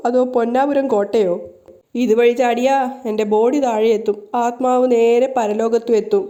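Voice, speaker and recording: A cheeky young schemer from a TV serial, slowing down to make each wry remark land, as a woman reading the recap puts her on. The tone sits a little higher than the reader's narration and stays dark and mellow. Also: steady tone, lo-fi sound, close to an everyday voice.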